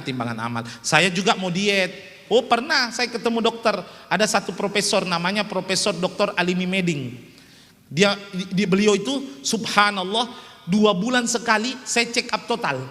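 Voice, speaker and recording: High, bright-voiced joking preacher. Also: male voice, long reverb tail. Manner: joking, teasing the audience. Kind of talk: humorous sermon. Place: small prayer hall.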